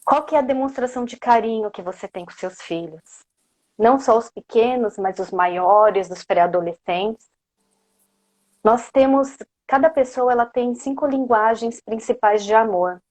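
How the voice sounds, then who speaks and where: A woman with a fairly high, slightly mellow voice speaks at a moderate pace with a Brazilian accent. As a coach giving a motivational parenting lecture, she questions her listeners often and habitually adds "né?" to her phrases.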